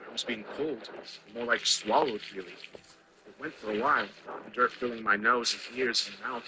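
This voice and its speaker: A man's voice: mid-range voice, sharp tone, rough recording. A man narrating a scripted first-person story in a wry, conversational way.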